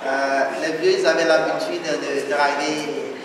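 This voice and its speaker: A man's voice: fairly high pitch, fairly even intonation, unhurried, noisy background. Joking male emcee at a live show. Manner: joking, teasing banter with the audience. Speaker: master of ceremonies. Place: stage at an evening show. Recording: echoey hall, far mic, loud crowd.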